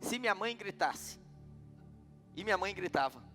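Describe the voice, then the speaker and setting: A man's voice: high-pitched, expressive, normal speed, bright, forceful tone, long reverb tail, soft background music. A middle-aged man with a Brazilian Portuguese accent preaching a sermon, telling stories and asking the congregation questions. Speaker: pastor.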